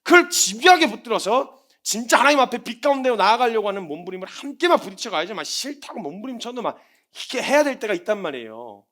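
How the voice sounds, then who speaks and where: Brief: male missionary preacher, sermon delivery, fast, high-pitched, acts out scenes. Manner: animated, acts out everyday scenes.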